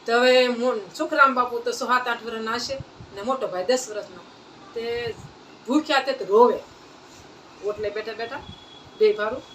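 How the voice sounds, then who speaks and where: This woman's voice is on the high side and a bit bright. As a devotional storyteller at a satsang, she relates a saint's life simply, in folk fashion, with phrases said again and again. A distant mic catches her along with faint ambient noise.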